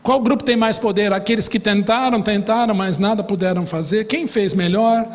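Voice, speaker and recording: Brazilian male pastor, high-pitched, dramatic sermon delivery, recorded in a reverberant church. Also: fairly even intonation, normal speed. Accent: Brazilian Portuguese. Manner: dramatic retelling, voicing the desperate father in soft low tones. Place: church sanctuary. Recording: long reverb of a church hall.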